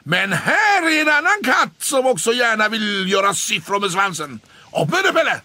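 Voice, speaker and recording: A man voicing a sly, spiteful male tomcat who taunts and jeers loudly in a children's story. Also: high voice, sing-song, husky, dry recording, voice pushed up, heavily acted. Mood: jeering. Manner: taunting, loud and jeering.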